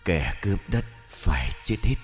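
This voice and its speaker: A man's voice: deep voice, lively intonation, normal speed, long reverb tail, soft background music. A man voicing a cruel, vengeful female ghost who hisses through her teeth.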